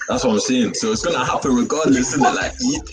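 A man's voice: medium pitch, fast talker. A young man with a London roadman accent, chatting casually in slang, emphatic and repetitive, with frequent tag questions. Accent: London, roadman street style. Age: young adult. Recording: music playing under the voice.

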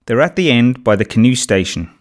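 A man voicing a practical, gentle mother talking to her daughter. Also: mid-range voice, animated, fairly quick, close to an everyday voice. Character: warm, practical mother at home.

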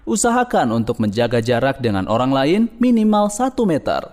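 A man's voice: high voice, darkish tone. Formal male public-service announcer. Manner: measured formal instructive reading.

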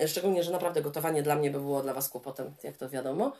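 A woman in her thirties co-hosting a podcast, chatting casually and laughing often. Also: very fast. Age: 30s. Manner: animated, laughing, swings high and low. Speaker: podcast co-host. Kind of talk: casual chat.

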